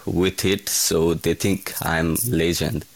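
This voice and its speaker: A young man from Nepal, a kitchen hand answering interview questions in a halting way, often restarting his words. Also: low voice, level tone, no echo. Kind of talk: casual interview.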